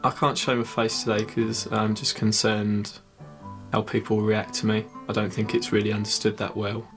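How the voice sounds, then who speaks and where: A man's voice: fairly low pitch, completely flat delivery, normal speed, a bit bright, faint music behind. A British man in his twenties speaking hesitantly in an interview. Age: 20s.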